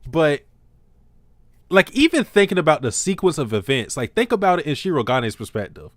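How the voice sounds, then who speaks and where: A man hosting a casual livestream podcast, talking in an animated, slangy way and laughing often. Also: a little high, normal speed, no room sound, clean studio sound. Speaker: podcast host.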